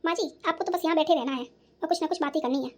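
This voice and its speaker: A defiant young daughter-in-law in a cartoon who talks back and complains about her in-laws, voiced by a woman. Her voice is high. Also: fast talker, natural voice. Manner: defensive, answering back. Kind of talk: cartoon voice acting.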